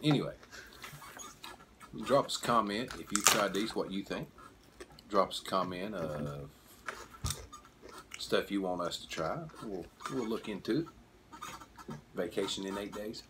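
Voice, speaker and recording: A man's voice: low voice, measured pace, pauses often. A man in his forties chatting casually as he hosts a snack review, folksy and jokey, munching crunchy chips as he talks. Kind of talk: casual food review chat. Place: indoors at a table, small room. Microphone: camera microphone a short distance away. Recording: noticeable background noise.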